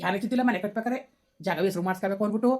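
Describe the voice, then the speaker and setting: Angry village woman in a family fight played by a lady, rattles off at top speed, low mellow tone. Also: natural voice. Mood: quarrelling. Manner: scolding, rapid-fire, cursing. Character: quarrelsome rural woman in a family feud. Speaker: actor in a village family skit. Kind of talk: amateur comedy skit acting.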